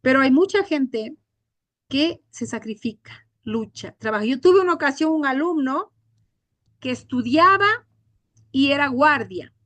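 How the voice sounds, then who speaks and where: A woman's voice: high-pitched, expressive, unhurried, a bit bright, no echo. A woman teacher, giving an online class from home and telling a story in an earnest, indignant way.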